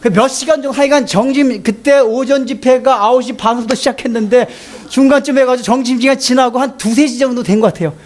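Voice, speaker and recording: A man preaching a sermon as a pastor, telling a story in an animated way and often laughing. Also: very high voice.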